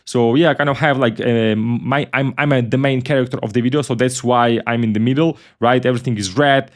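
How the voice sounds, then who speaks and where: A man's voice: mid-range voice, fairly even intonation, brisk. Tutorial host: a man. Casual and chatty, repeats himself, swears offhandedly. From Ukraine. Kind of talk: casual screen-recorded software tutorial.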